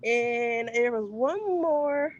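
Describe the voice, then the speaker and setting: A woman's voice: fairly high pitch, extremely slow, muffled recording. A woman sharing her views in an online workshop, candid and chatty, slightly out of breath. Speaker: workshop participant. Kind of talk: casual discussion.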